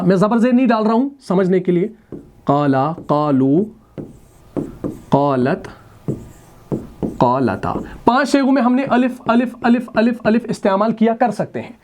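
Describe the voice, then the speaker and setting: A man teaching Arabic grammar at a board, patiently explaining and slowly reciting verb forms, calling his students brother. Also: sits high, darkish tone. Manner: patient, addresses students as brother, personifies letters.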